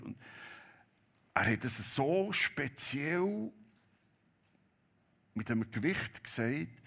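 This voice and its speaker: A man with a medium-pitched voice preaches a sermon, telling a Bible story dramatically as his delivery swings between loud and hushed.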